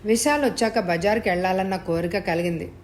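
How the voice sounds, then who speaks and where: A woman's voice: medium pitch, brisk, a little hiss or hum, close to an everyday voice. A woman reading the part of an older wealthy lady who speaks in an earnest, confiding way in an audio story.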